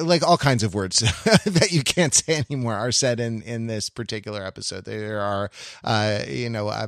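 This man co-hosts a podcast analyzing classic television, thinking aloud and often repeating and rephrasing himself while he searches for words. His voice is medium-pitched and a bit bright. The clean studio sound has no echo.

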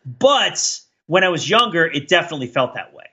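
As a podcast co-host, a man with a bright, slightly high voice talks casually, with a sing-song quality and a breathy edge. He rambles reflectively and halts, repeating words as he thinks aloud to work out his point. The recording sounds a little dull and lo-fi.

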